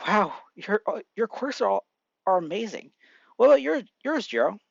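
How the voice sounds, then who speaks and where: A man voicing a shy, kind teenage boy hero who speaks haltingly. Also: high voice, sing-song, vocal fry, dry recording, lo-fi sound, exaggerated voice. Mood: shy earnest. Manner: halting, hesitant.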